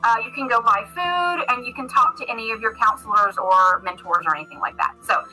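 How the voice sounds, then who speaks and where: Bright-voiced woman running a game. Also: on the high side, fairly quick, soft background music, low-quality recording. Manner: casual, many fillers and restarts. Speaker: game master. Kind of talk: narrating a tabletop game.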